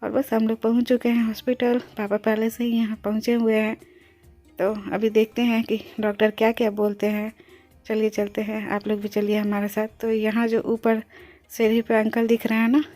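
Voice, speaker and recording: Soft-voiced young woman chatting in a vlog. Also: fairly high pitch. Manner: chatty, explains as she goes, mixes in English words. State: pregnant, near delivery. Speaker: vlogger. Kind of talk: casual vlog narration.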